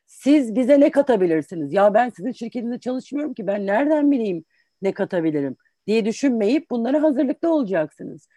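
A woman's voice: a little high, lively intonation, brisk, mellow, no room sound. A woman in her forties, an English teacher, giving patient, explanatory advice in an interview and restating points with examples. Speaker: English teacher and career guest.

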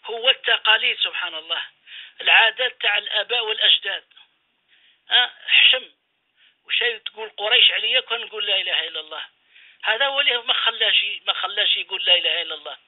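A man's voice: high voice, fast. A man, an imam, preaching a radio sermon, exhorting his listeners with repeated phrases and rhetorical questions. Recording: phone-line radio call-in.

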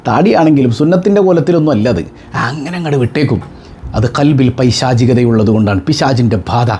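A man, a religious teacher giving an animated talk to his followers, full of rhetorical questions and joking asides. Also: medium pitch, fast talker, a little hiss or hum.

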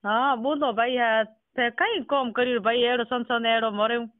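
A man's voice: very high voice, steady tone, measured pace, no echo. A man with a Rajasthani accent in a casual phone conversation, asking questions and repeating words back. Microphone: telephone. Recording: tinny, narrow phone call recording.

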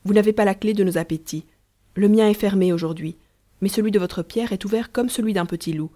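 A woman voicing a gentle, sly young peasant woman who talks soothingly and patiently to a small child in a storybook. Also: mid-range voice, a little fast, natural voice. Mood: playful.

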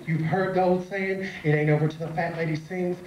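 A man's voice: fairly high pitch, fairly even intonation, fairly quick, dull audio. A man giving a formal thank-you speech on stage as a pageant contestant. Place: theatre stage, indoors. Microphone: handheld stage mic, filmed from audience. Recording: echoey hall, very noisy, loud crowd.

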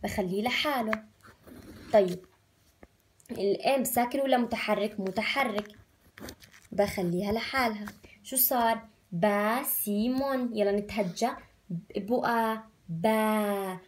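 A woman's voice: mid-range voice, a little hiss or hum. A woman with a Levantine Arabic accent teaching first graders, drawing out syllables and asking coaxing questions. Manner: slow drawn-out syllable spelling, coaxing questions. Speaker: primary school Arabic teacher. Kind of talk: recorded remote lesson for first graders.

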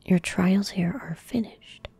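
Gentle, unhurried murmuring fills this close-miked, dry recording: a twenty-something woman streaming a video game and whispering breathy ASMR commentary into a desktop mic at her desk in a small room. Her voice is mid-range, and faint background noise and game sounds linger underneath.

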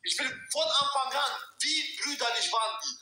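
A man's voice: extremely high pitch, normal speed, pushed and bright. A young man hosting a livestream by phone, talking casual slang and repeating himself for emphasis. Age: young adult. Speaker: livestream host. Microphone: phone on a video call. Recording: roomy echo, faint noise.

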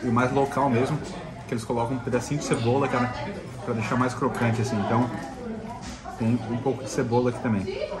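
A travel food vlogger from Santa Catarina in southern Brazil chats informally while tasting food inside a restaurant, often repeating himself. His voice is medium-pitched, steady and fast, with a southern Brazilian accent and busy restaurant chatter behind him.

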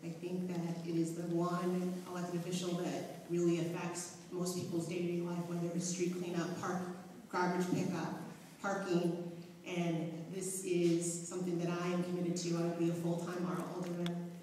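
A woman from Chicago, a candidate, giving an earnest, steady debate answer. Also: lowish voice, normal speed, slight background noise. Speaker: aldermanic candidate. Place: large hall with stage. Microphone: far phone camera. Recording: echoey hall from far off.

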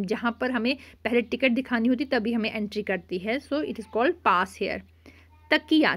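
A woman teaching a vocabulary lesson, patiently repeating words and explaining each one with English glosses. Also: fairly high pitch.

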